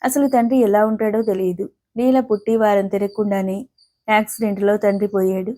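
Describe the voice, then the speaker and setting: Warm-voiced woman reading a novel. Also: medium pitch. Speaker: audiobook narrator. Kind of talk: scripted novel narration.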